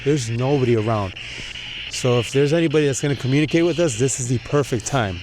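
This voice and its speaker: A man's voice: medium pitch, quick pace. Male ghost-hunt vlogger, noisy background. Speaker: vlog co-host. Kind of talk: paranormal investigation vlog. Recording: noisy ambient location sound.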